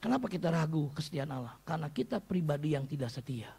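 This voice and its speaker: A pastor in his fifties preaching a sermon, telling stories with big swings between loud exhortation and low asides. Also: very animated, fast, creaky, breathy edge.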